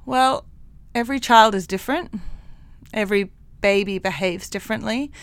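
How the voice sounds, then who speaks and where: A clinical psychologist from Hong Kong appears as an interview guest, speaking with a mixed international accent in a medium-pitched voice at a moderate pace. She is warm and frank and laughs often, and the recording is dry.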